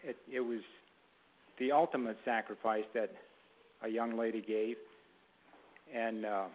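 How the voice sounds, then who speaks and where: A man preaching a Mother's Day sermon in a halting way, with restarts and throat clearing, reading a story to his congregation. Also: fairly low pitch, steady tone. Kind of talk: sermon with a read-aloud story. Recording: tinny phone-like sound.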